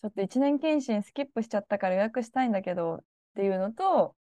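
Expressive woman co-host, lively pitch swings, dry close sound, frequent laughter. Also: fast talker, no echo. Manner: expressive, laughs often while telling stories. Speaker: podcast co-host. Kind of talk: casual chat.

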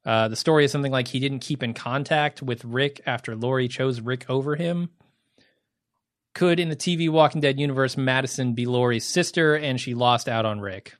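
An easygoing man reads listener emails aloud on a podcast and keeps the casual chat moving. His voice sits at a middle pitch and sounds dry and close, with no room around it. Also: normal speed, dry recording. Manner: easygoing, moves the talk along.

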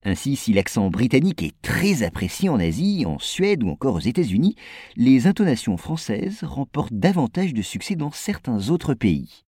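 Lively French man presenting news. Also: medium pitch, normal speed, no room sound, studio quality. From France. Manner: clear explanatory delivery addressing viewers. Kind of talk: scripted news narration.

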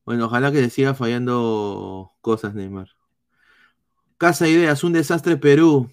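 A man with a Peruvian accent doing live football analysis, reading chat comments in a blunt, swearing style with halting restarts. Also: medium pitch, darkish tone, smooth. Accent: Peruvian Spanish. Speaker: football streamer.

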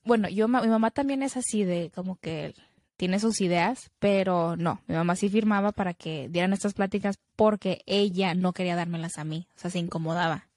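A woman's voice: on the low side, normal speed, a little mellow, dry recording. A young woman, co-hosting a casual podcast chat and slipping into English phrases. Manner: chatty, mixes in English phrases. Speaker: podcast co-host.

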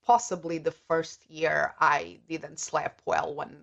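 Middle-aged Portuguese-accented woman, a native Portuguese speaker, as an interview guest; thoughtful, a bit low in pitch, dull lo-fi recording. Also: little pitch movement, creaky, a bit bright. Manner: thoughtful, measured, searching for words. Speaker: guest, coach. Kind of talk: casual interview.

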